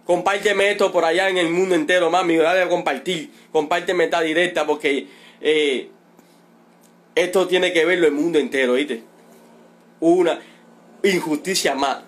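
Speaking in a steady tone with a voice that is a little high, a middle-aged Cuban father appeals on a livestream for his son, a detained protester. He is emotional and indignant, pleading repetitively and drawing out words to stress them.

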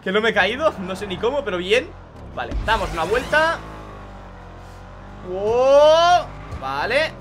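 A man's voice: sits high, sing-song, fairly quick, music in the background. A young man with a Spain Spanish accent, commenting live on his gameplay for viewers, exasperated and swearing often. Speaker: gaming youtuber.

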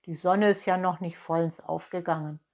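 A woman voicing a sly, smooth-talking male fox in a storybook reading. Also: fairly low pitch, steady tone, normal speed, darkish tone. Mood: coaxing.

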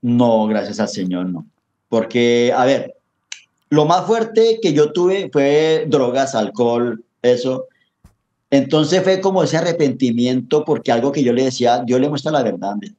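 A middle-aged man with a Colombian accent tells his story as an interview guest, earnest and a little preachy. His voice sits at an ordinary pitch, and the sound is a touch dull. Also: animated, measured pace, warm tone. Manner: earnest, preachy, calls the host papi and hermano. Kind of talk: emotional testimony in casual chat.

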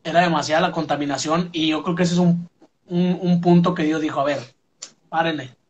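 Chatty Mexican man with a slightly high voice. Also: flat delivery, fairly quick, darkish tone, muffled recording. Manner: conversational, many fillers and "pum" sound effects. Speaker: musician interviewee. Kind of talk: casual interview.

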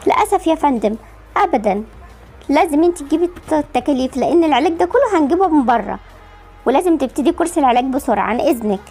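Businesslike Egyptian doctor, played by a woman, voice dropped lower, formal. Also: expressive, very fast, dark tone, soft background music. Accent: Egyptian Arabic. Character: calm businesslike female doctor.

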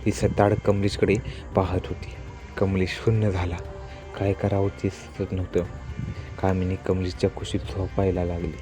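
Male narrator, low voice, scripted horror narration, steady and suspenseful, faint background music. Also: normal speed.

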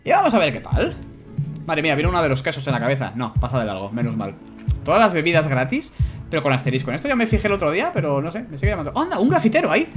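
A man with a Spanish accent giving casual, animated commentary on a video game as he plays, swearing and shouting at his own mistakes. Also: on the high side, rapid-fire. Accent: Spanish from Spain. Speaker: gameplay YouTuber. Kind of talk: casual let's-play commentary. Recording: music playing behind.

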